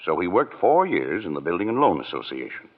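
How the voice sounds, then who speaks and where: An actor playing a patient heavenly elder, narrating in folksy American 1940s radio drama style. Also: male voice, sits low, sing-song, a little fast. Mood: genial storytelling. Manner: folksy, explanatory. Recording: muffled old radio broadcast, faint music.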